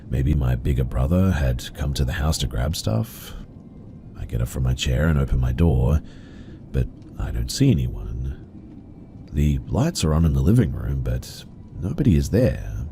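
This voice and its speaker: A man narrating reader-submitted horror stories in a steady, even storytelling delivery. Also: a bass voice, vocal fry, background noise.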